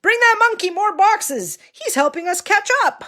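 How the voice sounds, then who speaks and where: Woman putting on an urgent high-pitched storybook factory man. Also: lively intonation, normal speed, exaggerated voice. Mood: urgent, alarmed. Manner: shouting orders, exclamatory. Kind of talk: reading a storybook to a toddler.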